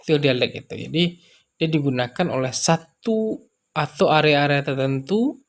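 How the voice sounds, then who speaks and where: Brief: male language teacher, patient lecture delivery, repeats examples, filler-heavy. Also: on the high side. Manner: unhurried, repeats example words, many fillers. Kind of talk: explanatory lecture.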